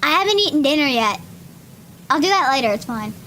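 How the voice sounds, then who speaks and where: A woman's voice: high-pitched, very animated, brisk, pushed and bright, slight background noise. A young woman streamer chatting casually while playing, rambling and joking at herself. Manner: rambling, joking, self-deprecating. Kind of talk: casual gameplay commentary. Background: game music.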